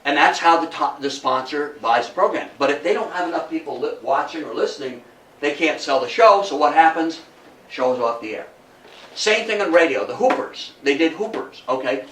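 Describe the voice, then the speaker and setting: Speaking at a moderate pace, this older man delivers an informal history lecture indoors before an audience, chatty and folksy, asking listeners rhetorical questions. His expressive voice is on the high side and fairly bright, captured roomy and distant with faint background noise.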